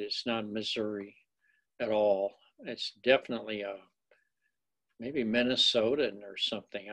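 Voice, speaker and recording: Rambling, folksy male instructor. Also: mid-range voice. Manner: rambling, folksy, self-deprecating, with many fillers. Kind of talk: recorded course lecture.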